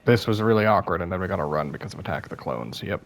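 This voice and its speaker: A man's voice: low-pitched, lively intonation, rapid-fire. A young man giving casual, self-deprecating commentary over his gameplay, sounding a bit worn out and apologizing often. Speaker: gaming YouTuber.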